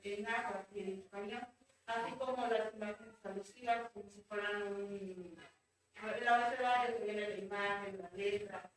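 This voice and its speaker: A young woman from the audience, speaking hesitantly with many fillers. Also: mid-range voice. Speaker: audience member. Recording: very echoey room, far from mic, faint noise.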